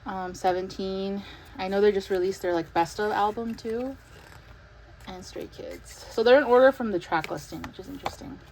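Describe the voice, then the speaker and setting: A woman's voice: medium pitch, moderate pace, slight background noise, rough recording. Breathless chatty young woman vlogging. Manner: chatty, excited, many fillers and laughs. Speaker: vlogger unboxing an album. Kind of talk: casual chat.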